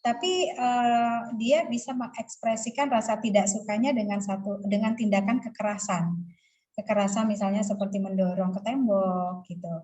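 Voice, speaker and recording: A woman's voice: mid-range voice, fairly even intonation, moderate pace, dark tone, low-quality recording. Hesitant woman asking a question. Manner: hesitant, many fillers.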